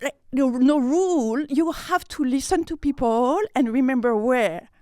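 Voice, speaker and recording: A woman's voice: high-pitched, measured pace, mellow, no room sound, studio quality. A woman from France with a French accent, a guest in a casual interview, speaking expressively, breaking into laughs and repeating words as she searches for them.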